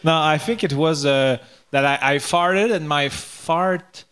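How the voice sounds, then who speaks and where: Quebec French-accented man, slightly high voice. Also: fairly bright tone, clean tone. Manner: halting English, searching for words. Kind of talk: casual joking chat.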